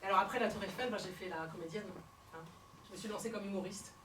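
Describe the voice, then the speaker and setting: A woman comedian performing a one-woman stage show, telling her story theatrically and swinging between hushed and shouted lines. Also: medium pitch, fast, heavy background noise. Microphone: fixed camera from the hall. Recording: roomy hall sound from far off.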